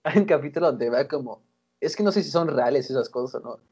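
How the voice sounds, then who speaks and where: Husky Mexican man telling stories. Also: medium pitch, fairly quick. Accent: Mexican Spanish. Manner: animated storyteller, laughs, slangy. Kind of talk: casual chat. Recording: lo-fi recording.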